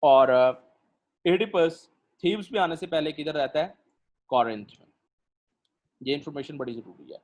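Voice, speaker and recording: A male lecturer, teaching a literature class online, explaining slowly with many pauses and fillers and putting questions to his students. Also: fairly high pitch, darkish tone, muffled recording.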